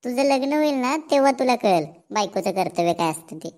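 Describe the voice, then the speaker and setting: Woman voicing a gently lecturing village mother. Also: fairly high pitch, lively intonation, brisk, lightly acted. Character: village mother gently scolding her daughter. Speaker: voice actor. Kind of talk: cartoon dialogue.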